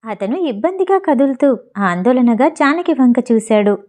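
Lady reading a story out loud, kinda high but mellow tone. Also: expressive, normal speed. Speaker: audiobook narrator. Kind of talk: reading a novel aloud.

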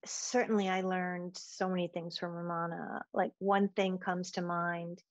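A woman's voice: on the low side, flat delivery, unhurried, dry recording. A woman guest on a podcast, talking about teaching in a thoughtful, storytelling way and laughing easily. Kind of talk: casual interview chat. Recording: dull, dry lo-fi sound.

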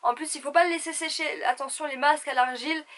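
A young woman chatting to camera in an animated, theatrical way, gossiping casually as if with close girlfriends. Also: high voice, fast talker. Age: young adult. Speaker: beauty vlogger. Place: small indoor room at home.

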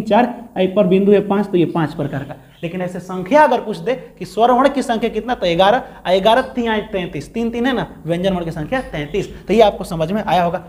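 A male teacher, giving a step-by-step grammar lesson to students and answering his own questions as he goes. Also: sits high. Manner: explains step by step, asks questions and answers them.

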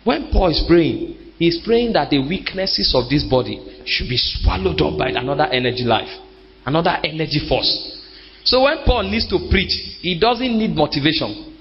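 A man preaches, his voice sitting fairly high and swooping widely as he stretches key words out slowly. The sound is muffled and carries a long hall reverb, as if recorded live in a big church. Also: expressive, a little hiss or hum. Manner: emphatic, rises to shouts and drops to slow drawn-out words. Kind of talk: sermon.

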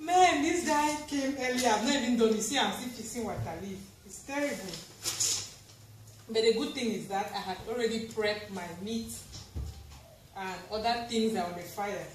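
This Cameroonian-accented woman in her thirties has a voice on the high side and talks at normal speed, chatting casually and expressively to camera as she does housework for her home vlog. The setting is a tiled indoor kitchen. A camera or phone at arm's length or beyond records her, capturing an echoey room with clear noise.

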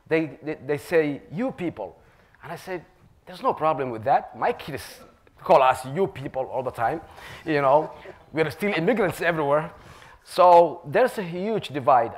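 Speaking on the high side, a middle-aged man tells personal anecdotes as a panelist on an auditorium stage, miked with a lapel mic. He is a community worker and radio host whose first language is Somali, and he narrates earnestly, repeating words as he builds each phrase.

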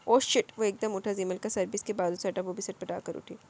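A woman's voice: mid-range voice, quick pace. Woman narrating a romance novel aloud. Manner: steady storytelling with slight slips. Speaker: audiobook narrator.

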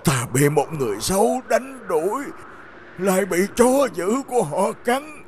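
A man voicing a frail, hungry, trembling old man in an animated fairy tale. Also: high-pitched, a little slow, slight background noise. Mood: pitiful. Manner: weak, pitiful pleading. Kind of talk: cartoon dub acting.

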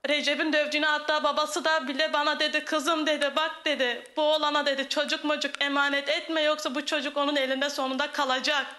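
A woman giving a halting, emotional account as a guest on a live TV program, quoting others at length. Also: sits high, level tone, bright, forceful tone. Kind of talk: emotional testimony.

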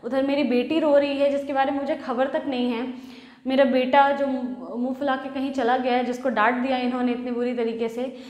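A woman teacher with a fairly high voice retells a play scene by scene in a storytelling manner, mixing Hindi and English. She sounds as if recorded in a reverberant room, with a strong echo and a long tail. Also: level tone, brisk, darkish tone. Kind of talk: explaining a play in a lesson.

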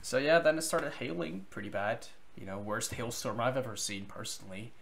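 A man's voice: medium pitch, a little fast, vocal fry, a loud crowd. A man hosting a vlog, talking casually to camera in a rambling, self-deprecating way. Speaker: vlogger host.

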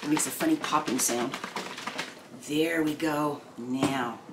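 A woman in her sixties, hosting a home cooking video in casual chat, homey and chatty with many pauses and ums. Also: low-pitched, fairly even intonation. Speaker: home cooking channel host. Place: home kitchen, indoors. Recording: noisy home kitchen recording. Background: clinking dishes and pans.

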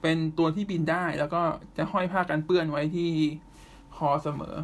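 A man hosting a podcast, chatting casually through anime news and often pausing with drawn-out fillers. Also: on the high side, fairly even intonation. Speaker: podcast host.

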